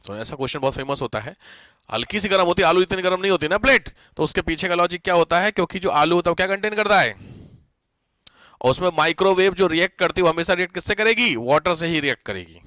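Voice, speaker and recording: Chatty, bright-voiced male teacher. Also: high voice, expressive, quick pace, no room sound. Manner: chatty, teasing students, mixing English terms. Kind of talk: online class lecture.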